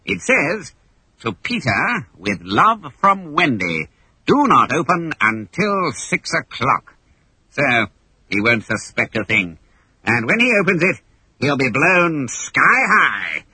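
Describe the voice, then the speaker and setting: A man putting on a crowing pirate captain, gloating and menacing, husky and bright-edged, dry close sound, storybook villain. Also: mid-range voice, big pitch swings, slow, no room sound, full character voice.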